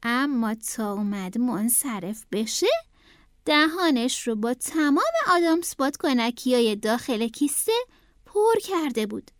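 A woman's voice: a little high, lively intonation, dry recording, clean studio sound. Sing-song young woman reading to kids. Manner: sing-song, speaks directly to the children. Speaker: children's storyteller. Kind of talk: reading a picture book aloud to children.

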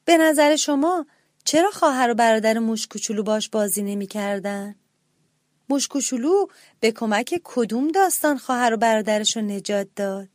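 A woman reading a children's story aloud in a gentle, expressive way and speaking directly to the children listening. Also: on the high side, no echo, studio quality.

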